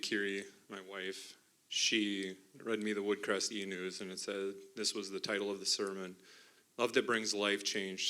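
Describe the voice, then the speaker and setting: A middle-aged man giving an emotional church testimony about a mission trip, partly reading from notes, earnest and halting with restarts. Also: on the low side, bright, forceful tone. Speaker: mission trip team member sharing testimony. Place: church sanctuary.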